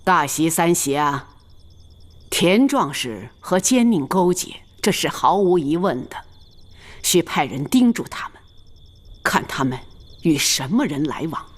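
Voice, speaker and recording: A low, slow grandmother matriarch. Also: expressive. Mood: instructing. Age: older. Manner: measured, instructive. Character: elderly grandmother matriarch, calm and commanding. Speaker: family matriarch.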